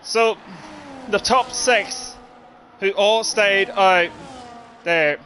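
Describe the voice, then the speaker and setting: A man's voice: sits high, very slow, bright, forceful tone. A man doing live race commentary on a livestream of a sim racing event. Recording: clearly noisy, engine noise behind.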